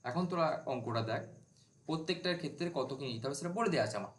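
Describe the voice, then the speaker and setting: A man's voice: a little high, lively intonation, rapid-fire. Man lecturing in an echoey room. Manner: informal, asks and answers his own questions. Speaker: civil engineering teacher. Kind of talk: whiteboard lecture.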